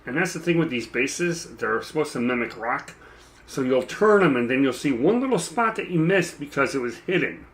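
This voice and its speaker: A mini painting streamer chats casually while painting a miniature, rambling and running himself down. His medium-pitched voice is animated and moderately paced, with a dry, froggy throat he keeps clearing.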